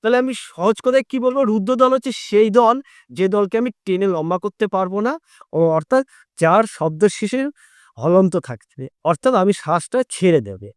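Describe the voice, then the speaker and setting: A man with a high voice teaches a class, asking his students questions as he goes. He stretches syllables out long to demonstrate them. The recording is dry and close, with no room echo. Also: expressive, normal speed. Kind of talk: explaining a lesson to students.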